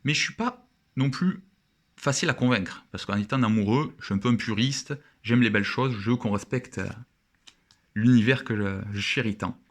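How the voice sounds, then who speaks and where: A man's voice: mid-range voice, moderate pace. A young man chatting casually and with enthusiasm as he opens trading cards and admires each one. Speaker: card opening vlogger. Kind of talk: casual card-opening commentary.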